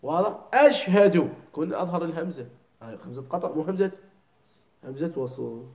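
Man teaching, high voice, echoey room. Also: animated, a little mellow. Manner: keeps checking understanding with short questions; drills pronunciation by repeating words slowly. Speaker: religious teacher. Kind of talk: classroom lesson on prayer recitation.

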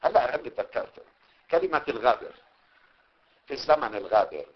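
A man's voice: medium pitch, animated, slightly rough. A man with a Levantine Arabic accent teaching a religious studies class, dictating notes, drawing out key words and checking that his students follow. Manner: explains slowly, checks understanding, stretches key words. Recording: dull lo-fi recording.

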